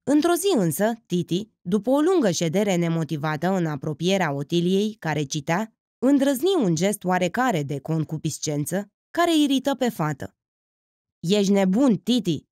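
A woman narrating an audiobook with expressive, character-driven reading. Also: lowish voice, dry recording, clean studio sound. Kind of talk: scripted literary narration.

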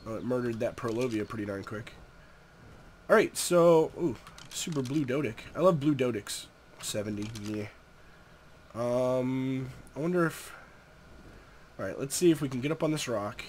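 This young gameplay commentator sounds stuffy and nasal from a cold, chatting easily over the game and addressing the creatures on screen. His medium-pitched, darkish voice has lively intonation at normal speed, with frequent pauses and slight background noise.

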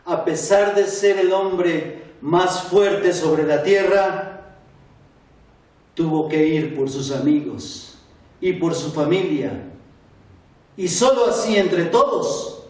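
A man telling a story to children in a slow, expressive way. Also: a little high. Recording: echoey room, far from mic.

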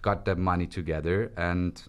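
A young man with a low voice talks through his story in a relaxed, chatty way. He gestures freely as he speaks in a small indoor podcast studio. His voice is picked up close by a studio microphone on a stand. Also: normal speed, clean tone, muffled recording. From Switzerland. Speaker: guest. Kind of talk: casual interview conversation. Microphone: studio mic on stand.

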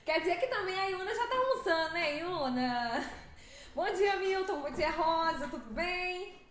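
A young Brazilian woman streaming a driving game, chatting with viewers in a lively, fast way and laughing often. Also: very high voice, roomy sound. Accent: Brazilian Portuguese. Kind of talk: live stream chat with viewers.

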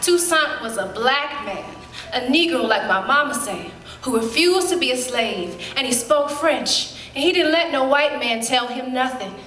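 Woman performing a spirited storyteller recalling girlhood. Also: full character voice. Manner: lively storytelling, colloquial, with quick leaps up in pitch. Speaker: stage actor. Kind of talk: dramatic monologue in a staged reading. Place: theater stage. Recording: roomy hall.

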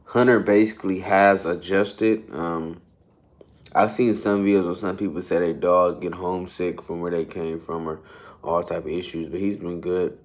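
A man's voice: sits low, steady tone, moderate pace. A young man in his twenties talking casually to his viewers in a travel vlog, filmed on a phone held at arm's length in an airport and a car. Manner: laid-back slangy talk to viewers. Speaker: vlogger. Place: airport terminal, walkway and parked car. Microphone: phone held low at arm's length. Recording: noisy background.

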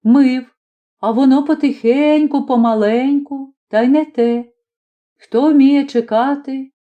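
A woman voicing a grumbling former magistrate, a middle-aged man telling his story in a lively, folksy way. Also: high-pitched, slow pace, narrow, tinny audio, voice pushed up. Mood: wry.

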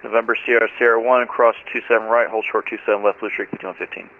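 A man's voice: on the low side, level tone, quick pace, soft background music. A man as a pilot making calls and readbacks to air traffic control over a tinny radio. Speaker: simulator pilot calling the controller. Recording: tinny, band-limited aviation radio.

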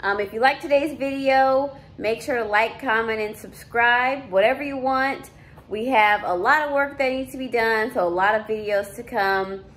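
Walking from room to room through an empty house, a young adult home vlogger chats casually for her house tour while filming on a handheld phone camera. Her voice sits fairly high and sounds a little bright, her pace is moderate, and ums come up often.

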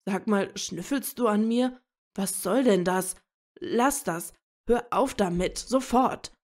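A woman reading aloud as a gruff adult male werewolf who scolds and growls. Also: on the low side, slow, warm tone. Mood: gruff scolding. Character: gruff grown male werewolf, curt and irritable.

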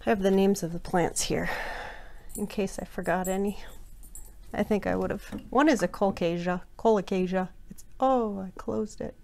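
Woman, casual vlog host, self-mocking, mid-pitched voice, faint background hiss. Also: fairly even intonation, normal speed, creaky, mellow. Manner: chatty, thinks aloud, self-mocking jokes. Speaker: plant channel host.

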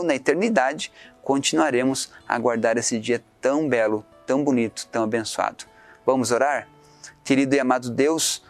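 A man in his thirties teaching a Sabbath school lesson, reading scripture earnestly and slowing down to stress key words, on a lapel mic in an indoor studio. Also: medium pitch. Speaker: Bible study teacher. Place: studio set with sofa and curtains, indoors.

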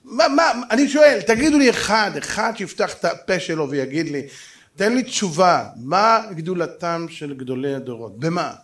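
A man giving a dramatic rabbinic sermon, telling stories and acting out the dialogue, swinging from loud exclamations to hushed asides. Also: a little high, animated. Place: synagogue or lecture hall.

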